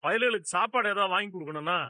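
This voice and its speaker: An earnest, sympathetic police constable with a bright, fairly high voice. He talks to a worried family in a dubbed TV serial. The studio sound is dry and close. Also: racing, no room sound. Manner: earnest, advising.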